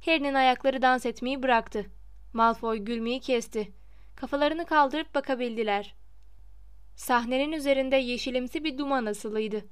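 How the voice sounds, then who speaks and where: A woman's voice: high-pitched, moderate pace, clear, resonant tone, dry recording. A woman narrating a novel as an audiobook, reading expressively at a close microphone.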